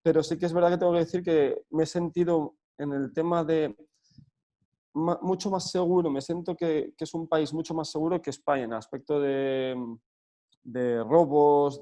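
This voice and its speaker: A man from Spain, a football coach answering interview questions earnestly, pausing often with fillers. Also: on the high side, warm tone. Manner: earnest, hesitant with frequent fillers and restarts.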